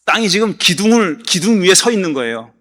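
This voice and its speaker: A male pastor gives a sermon in a bright, high voice, slipping into blunt, casual speech when he voices God's questions. His voice carries with a long hall reverb around it. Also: sing-song, brisk. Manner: conversational preaching, acting out God's lines in blunt casual speech.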